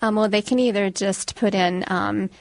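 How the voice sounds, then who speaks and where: Creaky-voiced woman explaining in an interview. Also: mid-range voice, fairly even intonation, normal speed, no echo. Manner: plain-spoken explaining, filler-heavy. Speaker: hospice program worker, interview guest. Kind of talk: explanatory radio interview answers.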